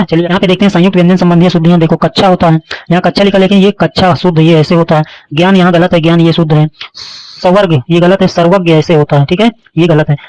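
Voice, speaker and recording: A man's voice: sits high, a little mellow, dry recording, poor audio. A man teaching a Hindi grammar lesson, repeating each word and often checking that students understand. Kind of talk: online lesson explaining spelling mistakes.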